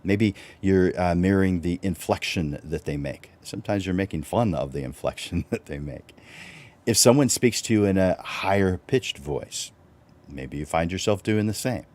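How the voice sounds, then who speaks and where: A man with a low voice hosting a live-stream teaching talk, relaxed and conversational, with fillers and restarts. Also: moderate pace. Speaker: host.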